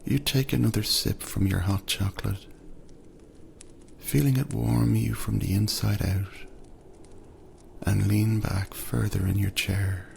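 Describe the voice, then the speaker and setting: A man narrating a second-person sleep story in a soft, soothing voice that often drifts into whispers. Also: fairly low pitch, fairly even intonation, measured pace, vocal fry, long pauses, a little hiss or hum.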